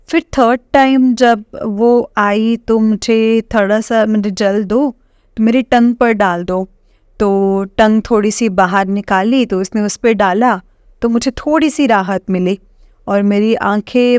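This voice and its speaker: A woman's voice: fairly high pitch, steady tone, darkish tone, smooth, no room sound. Middle-aged woman, devotee giving testimony; hesitant, stop-start delivery; dry, close recording. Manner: hesitant, halting, addresses listeners as congregation.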